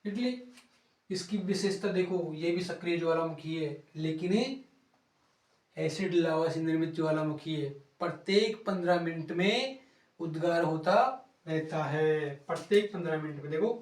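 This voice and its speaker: A man teaching geography for an exam-prep class. He repeats key words, uses playful rhymes as memory tricks and slows down while he writes. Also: on the high side, darkish tone, distant mic. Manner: pauses to write on a board, drawing out words. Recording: roomy sound from off-mic.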